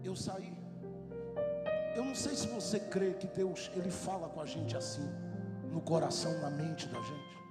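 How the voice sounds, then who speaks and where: In a large church hall, a pastor with a Brazilian Portuguese accent preaches fervently into a handheld mic, his fairly high voice at a measured pace swelling into shouting. The hall is echoey, and loud worship music plays in the background.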